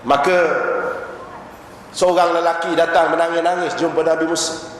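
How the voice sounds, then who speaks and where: A man's voice: fairly high pitch, fairly even intonation, normal speed. A man with a Malaysian Malay accent giving a sermon as a religious teacher, telling stories and asking the audience rhetorical questions. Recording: very echoey hall recording, faint noise.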